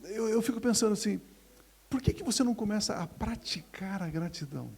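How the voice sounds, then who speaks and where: Husky-voiced pastor preaching. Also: male voice, high-pitched, animated, a little fast. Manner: preaching with big swings from hushed to loud. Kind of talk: sermon. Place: church.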